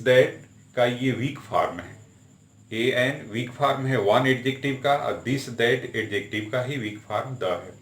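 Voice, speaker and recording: A man's voice: medium pitch, fairly bright tone, echoey room. Man teaching English grammar in Hindi. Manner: slow, deliberate spelling out of examples. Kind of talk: explaining grammar with Hindi examples.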